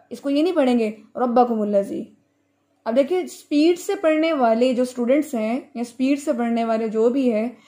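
A woman teaching Quran recitation in an online class, explaining rules slowly and then chanting each verse for her students to repeat. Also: high voice, dark tone. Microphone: video call.

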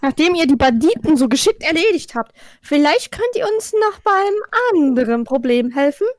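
High woman over a clipping, distorted mic. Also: big pitch swings, moderate pace, no room sound. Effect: clipping, distorted overloaded mic. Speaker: co-player in a let's play. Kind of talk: reading game dialogue aloud. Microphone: home gaming mic close to the mouth.

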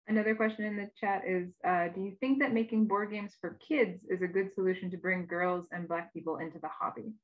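A woman's voice: mid-range voice, steady tone, fairly quick, few pauses. A woman moderating a conference session over a video call, reading out audience questions with frequent fillers. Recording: dull lo-fi video call audio.

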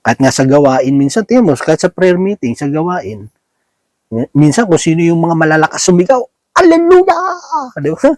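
A man's voice: on the high side, animated, fairly quick, a little mellow, no room sound. A man giving a conversational sermon, often asking his listeners tag questions, mixing English words into his Filipino, and chuckling between points. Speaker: lay preacher.

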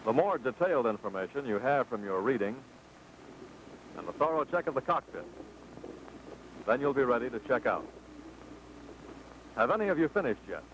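A bit bright and mid-range, this American man's voice is very animated, moving at a moderate pace with frequent pauses. As a flight instructor in a 1940s training film, he gives scripted, clear, orderly step-by-step instruction, captured on a muffled, noisy soundtrack.

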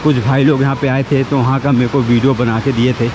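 A man's voice: mid-range voice, level tone. Man, travel vlogger, outdoors, talks to viewers, roaring waterfall noise behind. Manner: chatty, admiring, addresses viewers directly. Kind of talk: walking tour vlog narration. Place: outdoors at a temple site by a waterfall. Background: loud rushing water.

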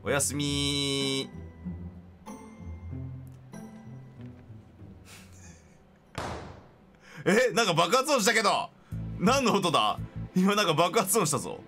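A man giving excitable, jokey gameplay commentary as a streamer. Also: high-pitched, moderate pace, soft background music. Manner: excitable, laughing, jokey reactions. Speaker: game streamer.

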